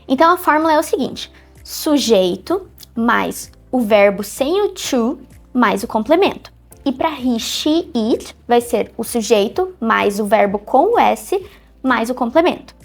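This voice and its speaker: A woman with a high, bright voice gives a clear, patient English lesson. She explains step by step and slows down to spell out each example. Soft music plays quietly behind her. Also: animated. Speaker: English teacher.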